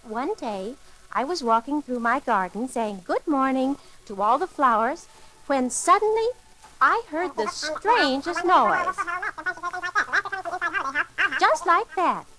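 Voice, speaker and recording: Sweet high-voiced woman storyteller. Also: animated, a little slow, poor audio. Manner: sweet, gently theatrical storytelling with gasps. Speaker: storyteller and host. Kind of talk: 1940s children's record narration.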